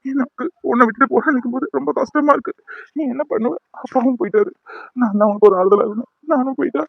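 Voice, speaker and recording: A young man voicing a gravely injured young man in a cartoon, talking in pain and pleading with his mother. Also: very high-pitched, steady tone, fast talker, dry recording, lo-fi sound, exaggerated voice. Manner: pained, pleading, resigned. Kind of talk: cartoon voice acting.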